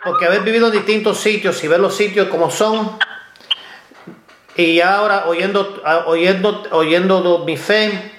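A man from the United States hosting an interview, halting and repeating his words. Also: high voice, steady tone, a bit bright, roomy sound. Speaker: host.

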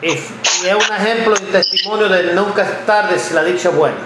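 A fifties-aged man with a fairly high voice hosts an interview, stumbling and restarting his sentences as he tells a story. His voice carries a noticeable room echo, with steady noise behind it. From United States (Ohio). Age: 50s. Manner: halting, repeats words often while telling a story. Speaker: interviewer, blogger and journalist. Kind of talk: conversational interview. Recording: echoey room with background noise.

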